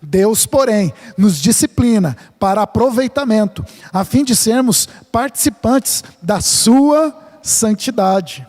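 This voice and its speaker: A man's voice: sits high, animated, slow, darkish tone. A man from São Paulo state preaching a sermon as a pastor, earnest and emphatic, mixing scripture with a light-hearted personal story. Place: church sanctuary. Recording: long reverb of a large church hall.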